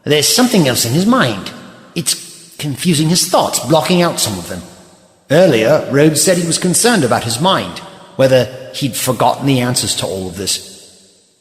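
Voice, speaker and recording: Man playing the Doctor, animated and echoey. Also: mid-range voice, moderate pace, lightly acted. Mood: curious, pondering. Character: the Doctor, eccentric, principled, commanding time-travelling alien man. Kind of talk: audio drama acting. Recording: echoey, reverberant, music underneath.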